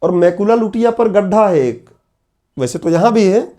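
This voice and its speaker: High-voiced man teaching a class. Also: expressive, moderate pace, warm tone. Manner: repeats key terms, asks the class questions. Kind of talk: exam-prep lecture. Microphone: laptop on online class.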